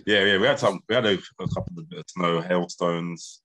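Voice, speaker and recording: A man's voice: deep voice, normal speed, bright, forceful tone. A man with an urban London roadman accent, chatting casually in slang as a podcast co-host. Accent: London, urban street. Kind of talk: casual chat, street slang.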